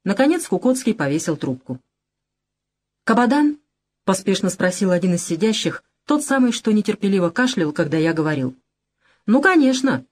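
Female audiobook reader, expressive and animated narration. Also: fairly low pitch, a little fast. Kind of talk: scripted narration.

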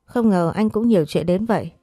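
A woman voicing a calm, defiant young woman who answers with curt retorts. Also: mid-range voice, a little fast, no echo, studio quality, close to an everyday voice. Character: cool-headed young woman, sharp-tongued and defiant.

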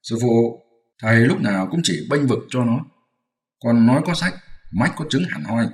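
A man voicing a sharp, mocking monkey-king disciple who teases and scolds, in a storybook reading. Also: mid-range voice, animated, moderate pace, lightly acted. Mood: teasing. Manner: scolding, teasing, commanding. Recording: roomy echoey room.

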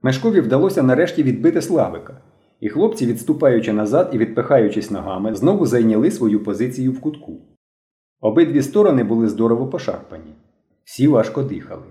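A man narrates an adventure story with a lively, rising and falling voice. His tone is mellow and warm. The reading sounds roomy, with a noticeable echo. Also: mid-range voice, a little fast. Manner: expressive storytelling. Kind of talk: audiobook narration.

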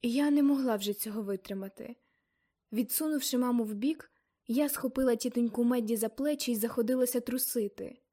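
A woman narrating an audiobook novel in a measured, expressive reading. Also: a little high. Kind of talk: scripted narration.

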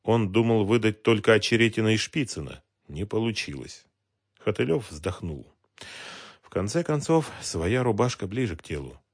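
A man narrating an audiobook in a low voice. His reading is expressive and lively in pitch, dramatic without rushing. The recording is close and dry. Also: breathy edge, no room sound. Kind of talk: scripted narration.

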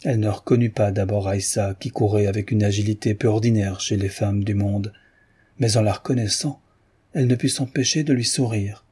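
Man narrating an audiobook, dark mellow tone, super clear. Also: lowish voice, fairly even intonation, brisk. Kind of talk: scripted narration.

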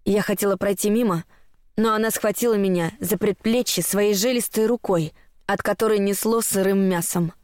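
A woman narrates a horror story in the first person, measured and tense. Her voice sits at a middling pitch and the recording is dry and close, with no room sound. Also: darkish tone, dry recording.

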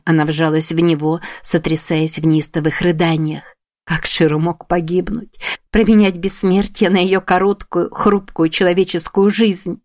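A woman narrating a fantasy audiobook in a steady, even storytelling voice. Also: deep voice, no echo, studio quality. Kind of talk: scripted narration.

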